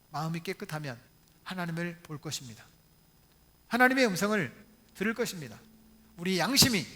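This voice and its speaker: A man's voice: high voice, bright, forceful tone. A male pastor preaching a Sunday sermon in church, asking the congregation questions and telling stories with humorous asides. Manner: retells stories with acted quotes. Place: church, Sunday service video.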